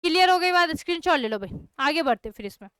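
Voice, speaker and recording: Young female chemistry teacher, crisp bright tone, dry close sound, keeps asking if it's clear. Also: sits high, lively intonation, fast talker, no room sound. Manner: repeats checks like "clear?" and "okay" to students. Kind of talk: online class lecture.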